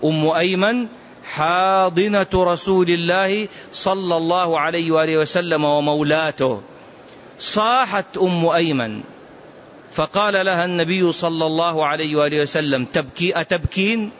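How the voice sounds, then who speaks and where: Man, religious lesson, high-pitched, impassioned emphatic warnings, chanted recitations, dull lo-fi recording. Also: moderate pace, a bit bright, slight background noise. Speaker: religious teacher. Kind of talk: classroom commentary on prophetic tradition.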